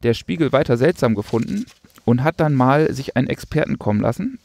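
A man's voice: mid-range voice, lively intonation, brisk, gravelly, darkish tone. A man co-hosting a casual podcast, talking sarcastically and rambling with many fillers. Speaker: podcast co-host. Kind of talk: casual chat.

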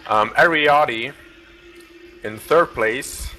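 Man, co-commentator, casual race play-by-play, rambling, jokey, bright voice. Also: mid-range voice, takes it slowly, a little hiss or hum.

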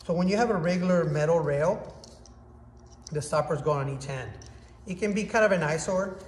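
His voice is on the high side and moves at a moderate pace as he, a man in his thirties, gives a casual, upbeat product review into a phone. Enthusiastic, he shows things with his hands inside a hard-walled workshop. The room echoes and carries a bit of faint noise.

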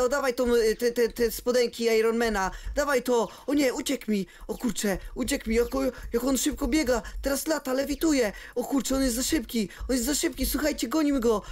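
A man giving excited Minecraft role-play commentary, speaking in an exclamatory way and talking straight to the viewers. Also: very high voice. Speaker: game role-play youtuber. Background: faint background music.

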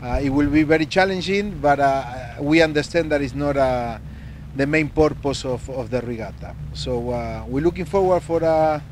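A man's voice: on the high side, unhurried, a little hiss or hum. A man speaking for a sailing crew outdoors on a boat deck, hesitating with many "uh"s into a handheld mic. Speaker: crew spokesman. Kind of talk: casual interview, joking. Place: outdoors on a sailboat deck in a harbor.

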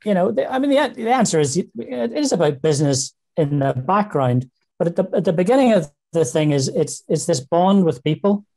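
A man in his sixties with a Northern Irish accent, speaking on a video call from a small room. His voice is mellow and dark, and he often repeats words as he thinks aloud in an easygoing interview. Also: a little high, very animated, fairly quick. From Northern Ireland. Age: 60s. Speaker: interview guest. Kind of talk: casual interview talk. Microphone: video call webcam.

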